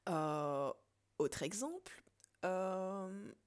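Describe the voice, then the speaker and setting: A woman teacher giving a recorded lesson, explaining step by step and slowing down to count syllables aloud. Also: medium pitch, expressive. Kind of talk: recorded French lesson on poetry.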